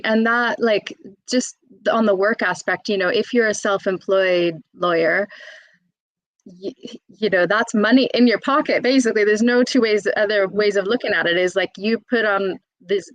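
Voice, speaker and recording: A mid-range female voice belongs to an employment solicitor in her thirties, an interview guest speaking candidly and chattily with frequent fillers and restarts. Audio quality is poor, in a dry recording.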